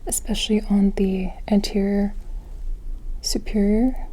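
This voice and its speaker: A woman gives an ASMR medical roleplay in a soft, breathy whisper, narrating an examination gently and carefully, the way a clinician would. Her pitch is medium and her tone level, her pace slightly slow, and the audio quality is poor.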